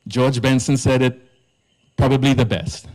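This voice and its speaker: A man delivers a public talk as a priest, speaking at an unhurried, measured pace. His voice sits at an ordinary middle pitch, and he leans hard on the words that matter. It is an earnest lecture given live at an arts centre. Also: steady tone, darkish tone. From Trinidad. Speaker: priest giving a presentation.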